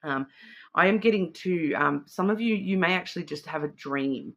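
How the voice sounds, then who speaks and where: A woman's voice: lowish voice, normal speed, gravelly, fairly bright tone, lo-fi sound. Aussie lady doing a chatty card reading, middle-aged, wanders around her thoughts with lots of ums. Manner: rambling and intuitive, thinking aloud with many fillers. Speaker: card reader. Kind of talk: casual psychic reading monologue.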